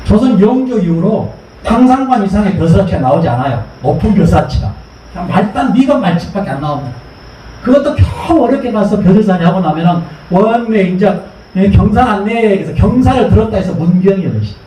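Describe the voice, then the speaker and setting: A man's voice: high voice, lively intonation, fairly quick, warm tone, a little hiss or hum. A middle-aged man giving a history lecture to an audience, asking them questions and having them repeat terms aloud. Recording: echoey hall recorded from far off.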